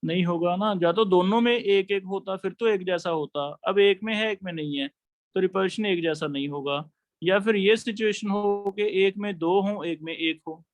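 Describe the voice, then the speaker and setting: High-voiced male chemistry teacher. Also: normal speed, dry recording. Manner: explains step by step, asks students questions. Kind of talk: classroom lecture.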